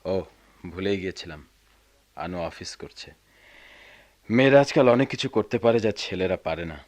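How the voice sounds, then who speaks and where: A weary, bitter middle-aged father in a 1990s radio drama, with a very deep, low voice. He speaks with tired resentment and at times raises his voice in frustration. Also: animated, moderate pace, no echo. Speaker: father of grown children.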